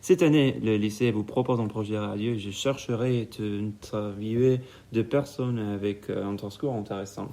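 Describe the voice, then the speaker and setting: A young man from Italy with an Italian accent, hosting a school radio interview in French with frequent pauses and fillers. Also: on the low side, fairly even intonation, warm tone. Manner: halting, many fillers. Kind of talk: casual interview.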